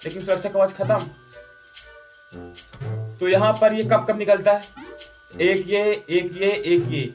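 A man giving jokey, excitable commentary over a mobile adventure game, yelping and protesting whenever his character dies. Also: sits high, measured pace, faint music behind. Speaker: gaming YouTuber. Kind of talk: Hindi gameplay commentary.

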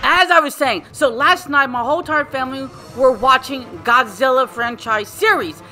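A young man casually commenting on his gameplay, excitable and apologetic. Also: very high voice, moderate pace. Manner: excitable, apologetic, laughs often. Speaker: gaming channel host. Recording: game music loud behind voice.

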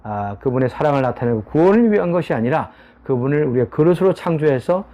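Male Bible teacher, earnest, slightly high, lively intonation, halting "ah" pauses. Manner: frequent drawn-out "ah" pauses, earnest preaching. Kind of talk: daily Bible study teaching.

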